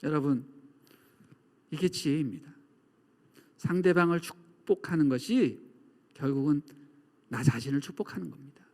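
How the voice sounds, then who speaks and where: A male pastor preaching a sermon, telling a story and acting out shouts and echoes to make his point. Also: on the high side, normal speed, long pauses. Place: large church sanctuary. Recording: church hall reverb.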